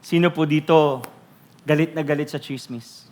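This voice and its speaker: A Filipino man preaching a sermon as pastor, teasing the congregation with rhetorical questions and loudly acting out quoted voices. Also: fairly high pitch, fairly even intonation, moderate pace. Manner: switches between Tagalog and English, acts out quoted voices loudly.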